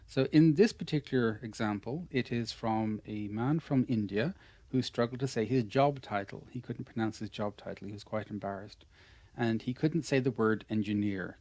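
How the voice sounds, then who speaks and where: An Irish man with a mid-range, darkish voice teaches English pronunciation in an online lesson. He is patient and encouraging, and he praises the learner again and again.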